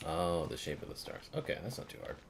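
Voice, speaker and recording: A man's voice: low voice, big pitch swings, fast talker, noisy background. A man streaming a video game, rambling casually with lots of fillers, swearing and laughter. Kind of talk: casual live commentary.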